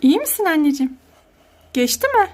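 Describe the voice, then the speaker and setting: A woman in her thirties with a high, bright-pitched voice, hosting a playful family skit vlog. She talks as a mother fussing over her child, full of dramatic exclamations and sing-song concern. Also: big pitch swings, fairly quick.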